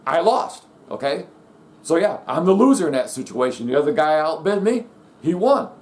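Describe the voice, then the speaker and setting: A man's voice: a little high, very animated, moderate pace. Blunt middle-aged man ranting. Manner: blunt, emphatic, repeats "okay?" and "guess what?". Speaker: vlogger. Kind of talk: ranting monologue.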